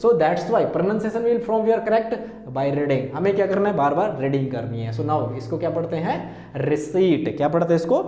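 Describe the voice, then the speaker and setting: A man with an Indian accent teaches a class in a room with a strong echo. His voice sits high for a man but has a dark, mellow tone. He repeats words over and over and keeps asking his students questions. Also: animated, moderate pace, hardly any pauses. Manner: mixes Hindi and English, repeats words and asks the class questions. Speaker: English teacher. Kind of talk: classroom lesson.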